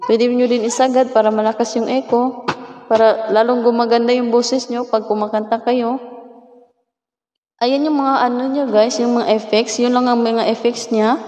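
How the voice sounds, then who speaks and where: A woman's voice: fairly high pitch, fairly even intonation, moderate pace, mellow. A Filipina vlogger, casually demoing her sound card and chatting to viewers. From Philippines. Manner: chatty, addresses viewers as guys. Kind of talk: casual product demo. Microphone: USB sound card mic with effects. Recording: heavy echo effect on voice.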